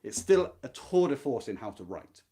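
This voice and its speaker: Warm in tone, a man's medium-pitched voice swings widely in pitch as he speaks at a normal pace. He's hosting a book club, discussing a classic novel live and informally in an earnest, reflective, emphatic manner.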